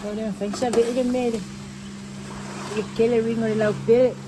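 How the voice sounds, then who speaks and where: A woman's voice: on the high side, little pitch movement, normal speed. A woman vlogger chatting casually with family and viewers as she cooks at home. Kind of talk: casual family cooking vlog chat, switching between English and another language. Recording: noisy home vlog recording.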